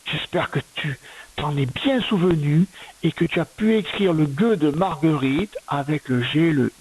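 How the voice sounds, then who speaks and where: This recorded lesson features a primary school teacher guiding a young child through spelling, patiently breaking each word into syllables and going slowly step by step. She has a deep, darkish voice, and the audio is poor with slight background noise.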